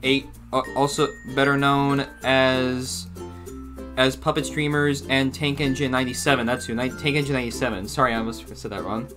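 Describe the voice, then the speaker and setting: Over music, a young man reacts casually on video from a small room at home, rambling and frequently restating his points. His medium-pitched voice is steady and moves at normal speed.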